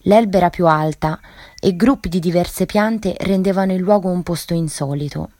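A woman reads a story on a radio literature programme, measured and dramatic. Her voice sits low, and the sound is dry and close. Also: darkish tone, no echo. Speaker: radio literature show reader. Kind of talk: reading a story aloud.

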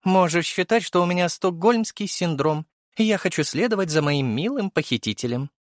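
A man's voice: sits high, animated, moderate pace, no echo, studio quality, pitched above the performer's own voice. A man reading an audiobook and voicing a teasing, mischievous young noblewoman who mocks playfully and theatrically.

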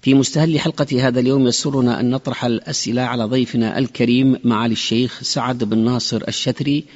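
A man's voice: mid-range voice, steady tone, fast, a little mellow. A man hosting a radio programme, speaking polite, formal standard Arabic. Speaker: radio host. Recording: dull lo-fi sound with long reverb.

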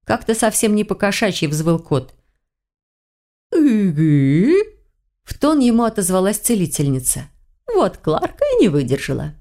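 A woman narrating a first-person fantasy novel in a measured, expressive reading. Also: medium pitch. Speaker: audiobook narrator.

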